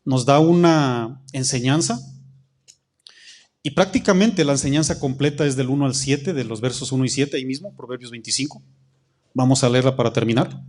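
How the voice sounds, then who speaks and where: Pastor guy preaching, mid pitch, reads verses slow and keeps asking the crowd yes or no. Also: a little mellow. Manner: preaching with call-and-response questions to the congregation; reads scripture slowly, stretching key phrases. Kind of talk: sermon.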